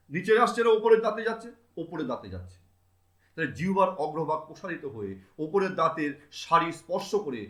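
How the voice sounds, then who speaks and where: A man's voice: high-pitched, fairly bright tone, roomy sound. A male teacher giving a grammar lesson, sounding out consonants one by one, asking his students questions and answering them himself.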